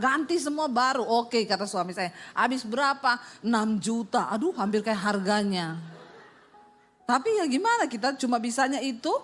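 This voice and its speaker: Woman pastor, middle-aged, high and lively, comic sermon storyteller, faint music bed. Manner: animated, acts out voices and sound effects.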